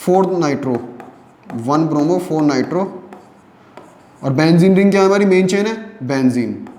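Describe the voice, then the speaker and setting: A man's voice: on the high side, animated, normal speed, darkish tone, reverberant. A man teaching a chemistry lesson in Hindi, explaining step by step and often checking whether students follow. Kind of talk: online lecture.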